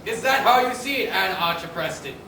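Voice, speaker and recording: A man's voice: sits high, expressive, brisk, background noise. A man playing a smug, partisan cable news anchor with a sneering, mock-solemn delivery. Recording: echoey stage from a distant mic.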